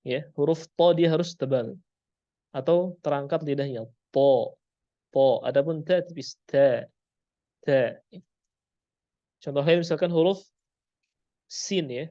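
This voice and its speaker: A man's voice: a little high, normal speed, dark tone, no echo, dull audio. A man with an Indonesian accent teaching Quran pronunciation, patiently repeating sounds and quizzing his class.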